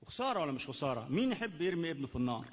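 A man with an Egyptian Arabic accent, a pastor preaching and leading prayer, fervent and repetitive, moving between hushed pleading and loud calls. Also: on the high side, sing-song, racing, slightly rough, long reverb tail, dull audio. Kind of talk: sermon and led prayer.

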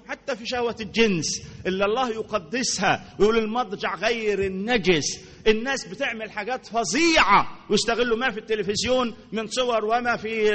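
Animated Egyptian preacher in a reverberant hall. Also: male voice, high-pitched. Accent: Egyptian Arabic. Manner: animated, repeats words for emphasis, asks the congregation questions. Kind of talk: sermon.

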